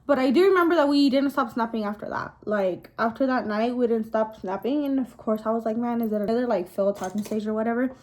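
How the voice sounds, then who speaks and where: Higher-pitched young woman dishing casual gossip. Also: fast, few pauses. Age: young adult. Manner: gossipy, confiding, animated storytelling with girl-talk asides. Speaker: vlogger. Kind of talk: casual storytime chat to camera.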